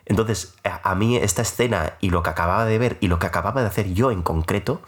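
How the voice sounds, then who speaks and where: A man's voice: low-pitched, fast. A young man in his twenties hosting a podcast, telling a personal story in a casual, rambling, self-mocking way with many filler sounds.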